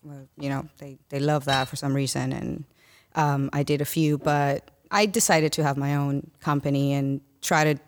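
Low-voiced Dominican-born woman, hesitant. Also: fairly even intonation, normal speed, a little hiss or hum. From Dominican Republic. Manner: hesitant, many fillers and restarts. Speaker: podcast guest. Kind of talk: casual conversation.

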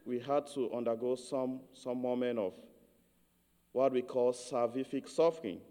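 A man from Cameroon giving a measured, earnest homily as a priest. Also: medium pitch, mellow, long reverb tail.

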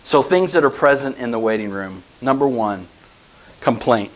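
A man's voice: mid-range voice, expressive, moderate pace, poor audio. A man preaching a conversational sermon, often asking his listeners rhetorical questions. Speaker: pastor.

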